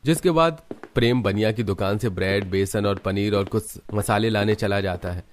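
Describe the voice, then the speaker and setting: Low-voiced man narrating a cartoon story. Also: moderate pace, a little hiss or hum.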